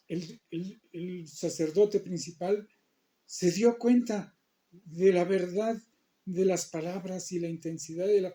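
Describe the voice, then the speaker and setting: A man telling a story in a gentle, unhurried, explaining manner. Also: high-pitched. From Mexico. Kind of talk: storytelling to a listener.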